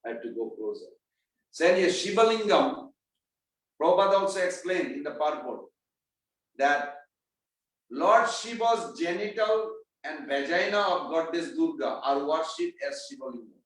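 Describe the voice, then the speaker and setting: A man's voice: on the high side, lively intonation, normal speed. A man giving a scripture class, talking casually, quizzing his listeners and chanting verses. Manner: conversational, quizzes the audience. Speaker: spiritual class speaker. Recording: echoey room, mic far off.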